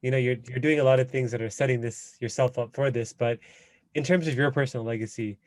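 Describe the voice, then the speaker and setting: A man's voice: medium pitch, fairly even intonation, fast, darkish tone, dry recording. Guy hosting a podcast, asks stuff kinda hesitant and loose, dry close sound. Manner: hesitant, loose phrasing when asking. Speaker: podcast host. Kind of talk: casual interview questions.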